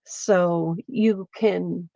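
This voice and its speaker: Slow-talking stuffy woman crafting live. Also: on the low side, steady tone, gravelly, dark tone, no room sound, dull audio. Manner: slow, meandering, chats with viewers while working. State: stuffy, congested. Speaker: craft livestreamer. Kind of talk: casual craft demonstration. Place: home, at her lap.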